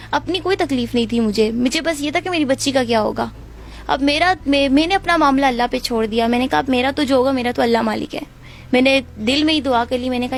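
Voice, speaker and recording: A young woman with a Pakistani Urdu accent, giving an interview and telling of her ordeal in an earnest, steady way. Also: sits high. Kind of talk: emotional personal account.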